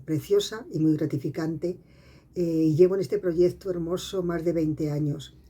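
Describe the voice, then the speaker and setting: Dark, husky-voiced woman from central Spain. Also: fairly low pitch. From Spain (Castilla-La Mancha). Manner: measured, reading with soft 'eh' fillers. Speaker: guest writer. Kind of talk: prepared self-introduction.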